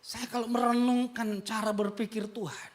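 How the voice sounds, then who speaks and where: A male pastor delivering a sermon, telling a story with dramatic swings from hushed to impassioned. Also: high voice, little pitch movement, moderate pace. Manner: dramatic, moves from soft hushed tones to loud impassioned climaxes.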